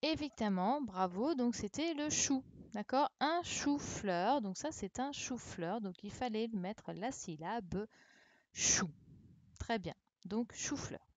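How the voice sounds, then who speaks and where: Slow, patient woman teacher. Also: fairly high pitch, expressive, a little mellow, dry recording, muffled recording. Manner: patient, encouraging, repeats answers. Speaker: primary school teacher. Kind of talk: online class correction, speaking slowly to children. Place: home, remote livestream. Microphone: computer mic on a live stream.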